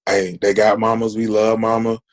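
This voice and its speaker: A man's voice: on the low side, level tone, fairly quick. Earnest man in his forties. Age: 40s. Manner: earnest, emphatic, repeats questions for emphasis. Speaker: podcast guest. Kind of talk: casual conversation.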